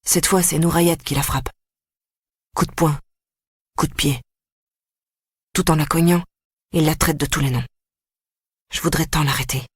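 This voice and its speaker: Husky, grave audiobook narrator. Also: medium pitch, unhurried, long pauses, dry recording, studio quality. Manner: grave, even first-person storytelling. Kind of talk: scripted narration.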